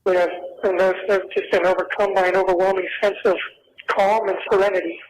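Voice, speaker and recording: A man, a jail inmate, talking calmly and hesitantly on a prison phone call, with many fillers. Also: sits high, brisk. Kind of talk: casual phone chat. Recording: noisy prison phone line.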